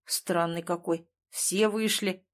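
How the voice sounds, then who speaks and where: A woman's voice: fairly low pitch, steady tone, takes it slowly. Woman doing a defensive guy pushing forty, grumbly and placating, audiobook. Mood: grumbling. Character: man nearly forty, cautious, defensive office worker.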